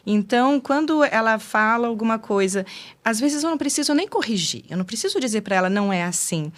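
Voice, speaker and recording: A woman's voice: fairly high pitch, expressive, fast talker. A Brazilian woman, a teacher guest in an interview, explaining patiently and giving examples.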